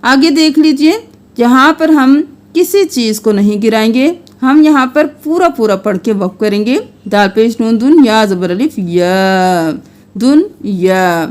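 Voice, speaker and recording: High-voiced woman teaching Quran recitation. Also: darkish tone. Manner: patient step-by-step explaining, chanting verses slowly and melodically.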